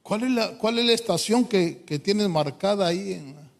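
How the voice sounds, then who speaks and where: Fervent preacher, high voice. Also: male voice, lively intonation, moderate pace, creaky. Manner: fervent, swinging from quiet asides to loud pleading. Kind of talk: sermon. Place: church hall. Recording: long hall reverb.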